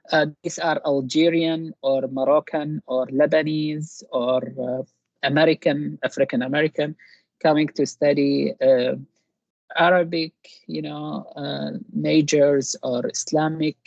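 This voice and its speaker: Interviewee: man from Iraq, gravelly voice, dry lo-fi recording, halting delivery. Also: on the high side, flat delivery, darkish tone, no room sound. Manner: hesitant, many filler pauses. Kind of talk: casual interview answers.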